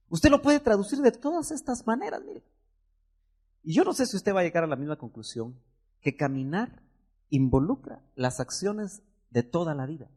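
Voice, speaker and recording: A middle-aged man, preaching a teaching sermon as pastor and explaining Hebrew words. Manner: lively, rises and drops sharply in pitch and loudness.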